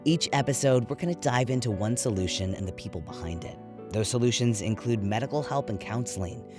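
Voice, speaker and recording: A man co-hosting a podcast, reading a scripted introduction in an earnest, measured way. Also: mid-range voice, expressive, over music. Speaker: podcast co-host.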